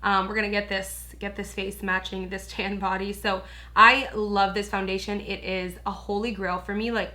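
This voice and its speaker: Her voice mid-range and bright but roughened by hoarseness, a young beauty vlogger keeps up casual chat during a makeup tutorial. She's gushy and talkative, peppering her speech with asides to viewers and lots of "like" and "you guys."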